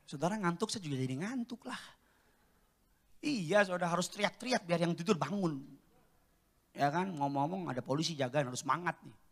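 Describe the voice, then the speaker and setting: A pastor preaching a live church service, moving between loud exhortation and quiet joking asides. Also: male voice, a little high, lively intonation, fairly quick, pauses often. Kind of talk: sermon. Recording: long church-hall reverb.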